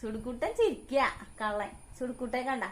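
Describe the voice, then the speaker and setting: A woman's voice: a little high, brisk. Woman coaxing her child in sing-song tones. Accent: Kerala Malayalam. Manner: sing-song coaxing baby talk to her son, then calm explaining to viewers. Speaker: mother of the vlog's child. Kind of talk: casual home vlog talk with her child.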